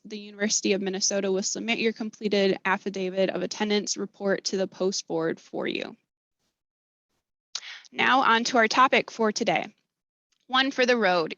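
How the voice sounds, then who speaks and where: A woman's voice: mid-range voice, gravelly, a bit bright, no echo. Formal American woman moderator, dry sound. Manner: formal, reading aloud. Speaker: webinar moderator. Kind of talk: scripted announcements and speaker introductions.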